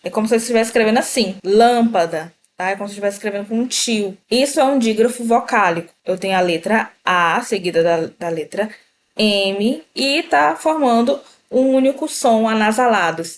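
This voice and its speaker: A woman teaching a Portuguese grammar lesson, slowly pronouncing example words and speaking directly to the viewer. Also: fairly high pitch. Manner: slow, deliberate pronunciation of example words; explanatory, addresses viewer directly.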